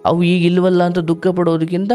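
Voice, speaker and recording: High-voiced man giving fatherly counsel. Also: monotone, a little fast. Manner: warm, fatherly, preaching advice with acted quotes. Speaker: spiritual counselor hosting a call-in show. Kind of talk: live call-in counseling talk.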